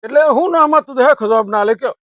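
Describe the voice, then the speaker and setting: Teasing village man, high voice. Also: fast, a bit bright, dry recording. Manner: teasing, chatty, rustic dialect. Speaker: village local. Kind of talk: rustic village comedy sketch. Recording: dull lo-fi dry sound.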